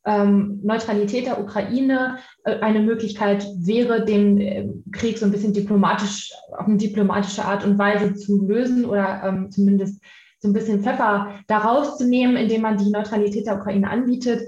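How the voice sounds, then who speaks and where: A woman's voice: mid-range voice, fairly even intonation, moderate pace, a little mellow. A woman putting semi-spontaneous questions to a discussion panel, hesitating and rephrasing as she goes. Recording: echoey room, slightly dull audio.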